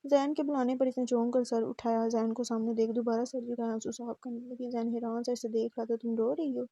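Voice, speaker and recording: A woman narrating a romance novel in a steady, even reading voice. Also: on the high side, brisk, dry recording. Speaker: audiobook narrator. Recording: dull muffled recording.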